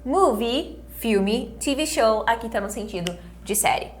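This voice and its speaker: A Brazilian woman, a native Portuguese speaker, teaching an online English lesson, saying English phrases slowly and often checking that her students follow. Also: a little high, lively intonation. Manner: slow drilled English phrases between brisk explanations; coaxing, checks in with the class often.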